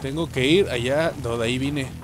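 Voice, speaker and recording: A young adult man with a Mexican accent giving crude, excitable let's play commentary, yelling and swearing at enemies. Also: mid-range voice, normal speed. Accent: Mexican Spanish. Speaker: gaming channel host. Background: game music.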